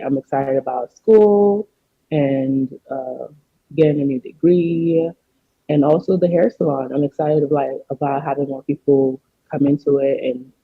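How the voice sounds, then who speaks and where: A man's voice: fairly high pitch, dry recording, phone-quality sound. An American man chatting as an interview guest in an informal, earnest way, peppered with filler phrases. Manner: informal, earnest, frequent "you know" and "like". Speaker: podcast guest, artist. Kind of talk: casual interview chat.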